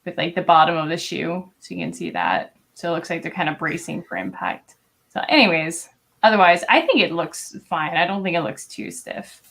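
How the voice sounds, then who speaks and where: A woman's voice: on the low side, big pitch swings, moderate pace, gravelly, a bit bright. A young woman streaming while she draws, chatting casually and thinking aloud with lots of fillers. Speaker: streamer and artist. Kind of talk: casual live-stream chat while drawing.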